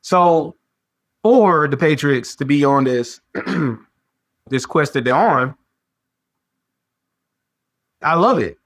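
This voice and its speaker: A man hosting a sports podcast, talking in a casual, animated way with slang and lots of repetition. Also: on the high side, extremely slow, long pauses. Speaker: podcast host.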